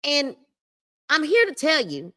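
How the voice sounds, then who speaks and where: Slow and sharp-toned, this woman's high voice swings hugely in pitch. As host of a live-streamed book club, she reads a self-help book aloud, interjects emphatic comments, repeats key phrases, and talks directly to viewers in the chat, using a livestream mic.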